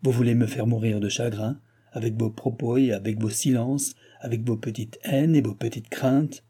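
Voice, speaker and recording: Guy doing a whiny old king, husky, raises his voice a lot, complains nonstop, audiobook. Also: medium pitch, steady tone, moderate pace, warm tone, close to an everyday voice. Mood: exasperated. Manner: exasperated, complaining outbursts. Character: irritable aging male king, petulant and self-pitying. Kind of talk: audiobook character reading.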